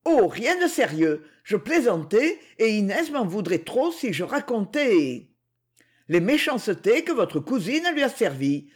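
A man's voice: sits high, big pitch swings, unhurried, breathy edge, exaggerated voice. A reader voicing an impulsive, angry young man who talks heatedly.

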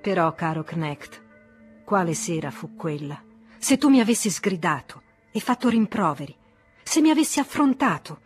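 A woman's voice: on the low side, big pitch swings, moderate pace, breathy edge. A reproachful, worldly middle-aged man pours out his grievance to an old friend, read by a woman. His voice rises and falls with hurt feelings, emotionally charged and pressing. He is an audiobook figure, with faint music behind. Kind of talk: audiobook reading.

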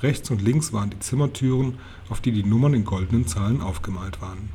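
A man reading a children's book aloud in a steady, plain storytelling manner, with the odd small slip. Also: on the low side, fairly quick, slight background noise. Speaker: audiobook reader.

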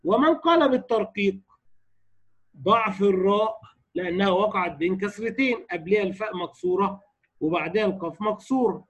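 Egyptian man, tajweed teacher, high husky voice, casual explainer who recites examples slowly and repeats them. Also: lively intonation, a bit bright. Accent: Egyptian Arabic. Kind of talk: tajweed lesson in colloquial Arabic. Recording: dull lo-fi recording.

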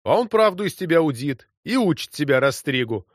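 A man voicing a teasing yet tender cavalry soldier who jokes loudly and soothes his comrades. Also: on the high side, big pitch swings, a little fast, no room sound, clean studio sound. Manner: joking, then soothing and tender.

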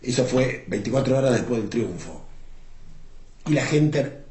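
Here a Rioplatense-accented Argentine man in his seventies, being interviewed, tells political history slowly and thoughtfully, leaning on frequent "este" fillers. His medium-pitched voice is animated and dark in tone, heard in a roomy space with faint background noise.

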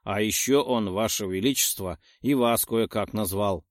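Guy doing a sly greedy troll, slow haggling, dry close sound. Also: lowish voice, no echo, close to an everyday voice.

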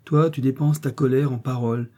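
A crafty old peasant from a storybook, blunt and lecturing, sure he knows better, as a man puts him on. The voice is pushed a little higher than the reader's own, still dark and husky. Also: steady tone, fairly quick, close to an everyday voice. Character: shrewd, cunning old male peasant, calmly scolding.

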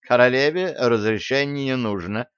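Cheeky young woman explorer voiced by a man, raised bright pitch, bold and excitable, storybook reading, dry slightly muffled sound. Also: normal speed, smooth, no room sound, close to an everyday voice. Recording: dry, slightly dull audio.

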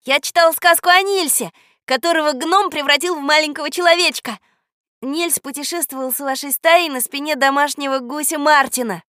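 A woman doing an eager, excited young boy. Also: sits high, a little fast, no room sound, studio quality, pitched above the performer's own voice. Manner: pleading and excited. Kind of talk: audiobook character voice.

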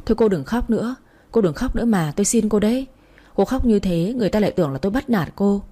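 Kind gentle young guy, read by a woman, soft warm slightly breathy voice, coaxing. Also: mid-range voice, lively intonation, quick pace. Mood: pleading. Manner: coaxing, pleading. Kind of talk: audiobook reading.

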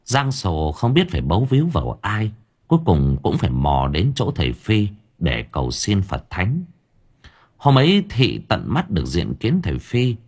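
A man narrating a story in a colloquial, wry and lively way. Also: low voice, moderate pace, slightly rough. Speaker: audiobook narrator.

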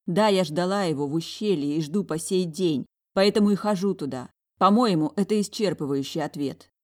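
A woman's voice: fairly low pitch, moderate pace, a little mellow, close to an everyday voice. A woman voicing a proud young heroine who answers in a clipped, defiant way in an audiobook.

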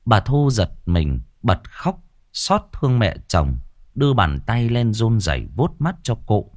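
A man narrating a ghost story in a measured, expressive storytelling manner. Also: lowish voice, no echo, clean studio sound.

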